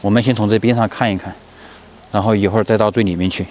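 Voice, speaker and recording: Male travel vlogger, lowish voice, cave echo, easygoing walk-and-talk narration. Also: steady tone, fast talker, darkish tone, faint music behind. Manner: plain, descriptive, talks to viewers as he walks. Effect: echo from speaking inside a deep cave. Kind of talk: casual walking-tour narration. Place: inside a large limestone cave.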